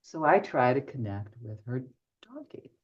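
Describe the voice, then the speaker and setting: A woman's voice: extremely low pitch, big pitch swings, unhurried. An older woman, a medium guesting on an interview show, tells stories and acts out both sides of each conversation. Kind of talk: anecdotal storytelling in a podcast interview. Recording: dull lo-fi audio.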